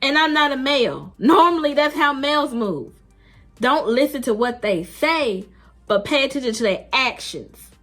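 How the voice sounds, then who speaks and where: A woman's voice: high voice, lively intonation, moderate pace, a bit bright. A woman vlogger recounts a dating story in a casual, unscripted monologue. She is blunt and emphatic, with a slangy, conversational delivery. Faint music plays in the background.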